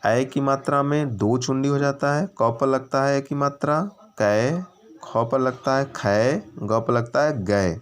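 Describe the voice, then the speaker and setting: A man's voice: mid-range voice, measured pace, clean tone. A man teaching young children in in a patient, explanatory way, stretching out each syllable as he demonstrates it. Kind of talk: children's lesson on Hindi vowel signs.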